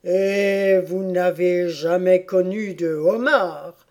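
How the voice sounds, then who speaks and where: A woman reading an audiobook voices a weepy, sentimental sea-turtle creature with a drawn-out, plaintive delivery. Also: lowish voice, darkish tone. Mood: doleful.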